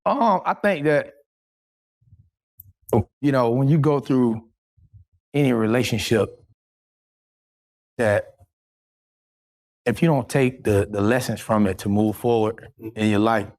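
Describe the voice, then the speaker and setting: A man's voice: mid-range voice, slow pace, long pauses, a little mellow. Earnest slangy man on a panel. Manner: earnest, slangy, builds a point. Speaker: podcast panelist. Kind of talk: casual panel chat.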